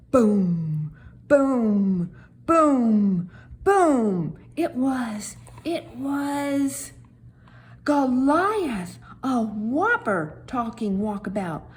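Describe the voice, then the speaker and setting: A woman performs the voice of a childlike, tender-hearted talking stone narrating a children's Bible story. Her delivery is dramatic, hushed and emphatic, in a mid-range voice.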